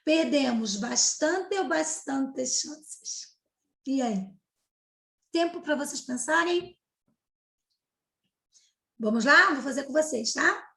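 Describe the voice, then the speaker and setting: Brazilian woman teacher, step-by-step grammar lesson, echoey room, high pitch. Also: slow, vocal fry, pauses often, bright, forceful tone. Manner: explains step by step, checks in with "tá?" often. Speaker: Portuguese teacher. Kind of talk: recorded grammar lesson for 7th grade.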